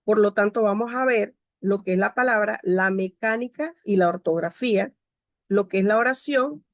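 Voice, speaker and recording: A woman's voice: medium pitch, dry recording, clean studio sound. A woman teacher giving a grammar lecture over a video call. She explains step by step and cues each slide aloud. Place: home.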